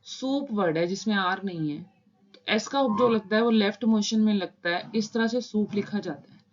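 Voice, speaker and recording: A woman's voice: mid-range voice, moderate pace, dull audio. A woman teaching a shorthand lesson step by step, patiently repeating each point and mixing English terms into Hindi as she explains while writing.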